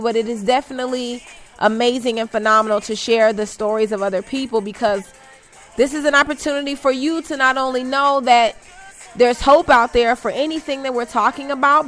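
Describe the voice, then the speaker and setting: A woman hosts an inspirational talk radio show in a slightly high voice. She talks in an upbeat, teasing way and catches her own slips. Faint music plays underneath. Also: brisk, a bit bright. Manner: stumbles and corrects herself.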